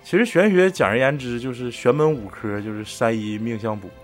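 A man's voice: medium pitch, animated, a little fast, soft background music. Northeastern Chinese man, earthy podcast banter. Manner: earthy, joking, profane. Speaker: podcast host. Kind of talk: casual chat with bantering commentary.

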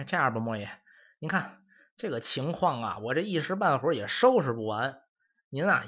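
A man's voice: on the high side, a bit bright, breathy edge, full character voice. A man voicing a young male mage apprentice who makes plaintive, sighing excuses. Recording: dull lo-fi audio.

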